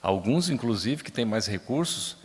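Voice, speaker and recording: A man from Brazil giving a spiritist lecture, slow and emphatic, turning to chat with the audience. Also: lowish voice, big pitch swings, husky. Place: large lecture hall. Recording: long hall reverb.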